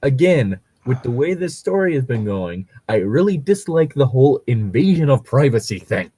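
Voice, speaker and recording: As a podcast host, a man casually reads a story aloud and critiques it, rambling, swearing and finding fault along the way. His mid-range voice is very animated, mellow and husky, at a normal speed, with no room sound.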